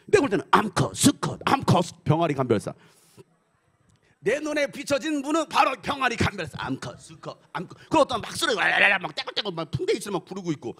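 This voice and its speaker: A man preaching a revival sermon in a church, telling a testimony with lively acted-out quotes. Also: high voice, fast, slightly rough. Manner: animated storytelling, acting out quotes. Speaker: pastor. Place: church sanctuary.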